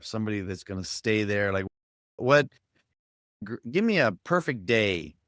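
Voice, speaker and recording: Host: lower-voiced man, encouraging, dry close sound, video call. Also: big pitch swings, moderate pace, a bit bright, dry recording. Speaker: podcast host. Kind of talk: casual interview chat.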